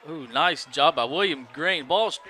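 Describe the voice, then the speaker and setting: A man doing play-by-play for a high school football game, easygoing and filling pauses with "um". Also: sharp tone. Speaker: play-by-play announcer.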